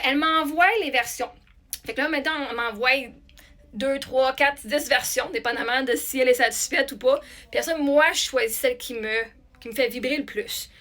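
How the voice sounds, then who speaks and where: A woman with a Québécois accent, a singer talking casually to her followers in a chatty, animated way with many restarts. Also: high voice. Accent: Québécois French. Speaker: singer and content creator. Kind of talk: casual talk to camera.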